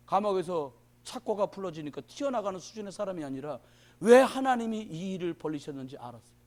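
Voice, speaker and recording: A man in his fifties preaching a sermon, swinging from loud declarations to muttered asides as he acts out little scenes. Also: extremely high pitch. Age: 50s. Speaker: pastor.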